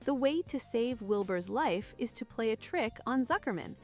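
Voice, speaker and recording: A patient, clever female spider from a children's storybook, voiced by a woman reader. The voice sits fairly high, with thoughtful, assured phrasing. Soft music plays behind it. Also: expressive, moderate pace.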